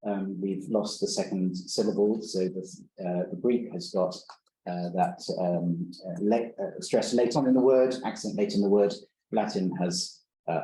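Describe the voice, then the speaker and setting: A man's voice: low voice, mellow, a little hiss or hum. A man giving an academic conference talk, hesitant, with many fillers and restarts. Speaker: conference speaker. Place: lecture room. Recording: roomy lecture hall recording.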